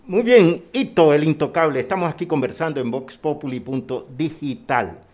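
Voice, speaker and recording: A man's voice: on the high side, normal speed, darkish tone. Announcer-style male interviewer. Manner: announcer-like, plugs the show by name. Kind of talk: interview hosting.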